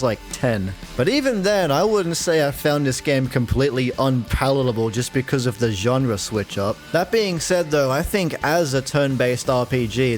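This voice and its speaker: A young man narrating a casual scripted video game review in a slangy, profane, dryly joking way. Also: mid-range voice. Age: young adult. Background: faint music.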